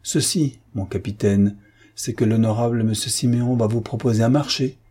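A man voicing a mocking, ironic gentleman adventurer in an audiobook reading. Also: mid-range voice, moderate pace, breathy edge, natural voice.

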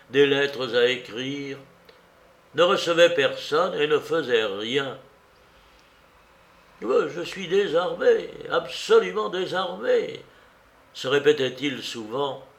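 A man reading a literary novel aloud in a measured, expressive way. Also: mid-range voice. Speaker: audiobook narrator.

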